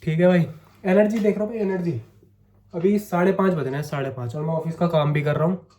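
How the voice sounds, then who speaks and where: Brief: young man, hoarse throat, slightly high but mellow voice, casual coaxing vlog talk. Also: steady tone, fast talker, a little hiss or hum. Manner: chatty, coaxing, keeps saying "theek hai". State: sore throat, coughing. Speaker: vlogger. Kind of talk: casual talking-to-camera vlog.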